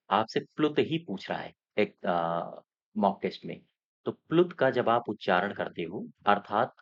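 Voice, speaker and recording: A man's voice: lowish voice, muffled recording. A man teaching as an exam coaching teacher, walking through mock test answers, repeating key points and often checking that students follow.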